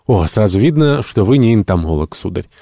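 A man's voice: fairly low pitch, expressive, fairly quick, warm tone, no room sound, studio quality. A man voicing an irritable, eccentric middle-aged male entomologist who speaks in a fussy, pedantic, indignant way, raising his voice.

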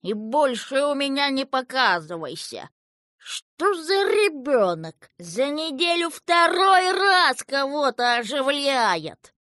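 A woman voicing a quick-tempered old male river king who grumbles and shouts, as an audiobook character. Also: a little high, animated, no room sound, studio quality, pitched above the performer's own voice, exaggerated voice. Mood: angry. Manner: gruff, grumbling, shouting when angry.

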